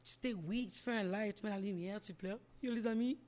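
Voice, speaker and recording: Québécois woman, young, animated casual chat, slangy, mixes in english. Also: fairly high pitch, moderate pace. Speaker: guest.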